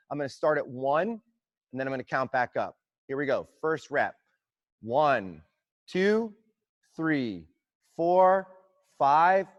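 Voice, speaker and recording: A young man coaching an online workout class, explaining squat technique and counting slow tempo reps aloud in an encouraging way. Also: on the high side, dry recording. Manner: encouraging, counts reps loudly in a steady cadence. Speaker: fitness coach. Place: gym.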